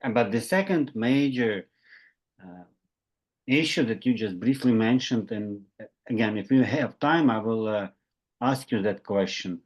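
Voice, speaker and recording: A man in his forties moderating a webinar from a room with bookshelves, speaking haltingly with many fillers into his laptop webcam. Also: on the low side. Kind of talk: moderating questions. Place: home room with bookshelves, indoors. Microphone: laptop webcam on a video call.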